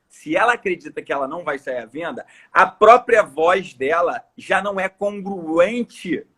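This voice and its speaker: A man's voice: high-pitched, sharp tone, slightly rough. A man with a Brazilian Portuguese accent, a coach talking earnestly and emphatically on a podcast, repeating phrases for stress. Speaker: coach and course speaker. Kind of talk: casual podcast conversation.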